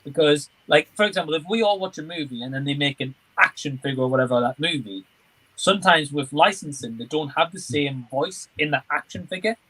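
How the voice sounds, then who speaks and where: A man hosting a livestream chats agreeably and reads comments aloud, drifting off topic now and then. He has a fairly high, husky voice with a sharp tone and talks a little fast. Audio quality is poor.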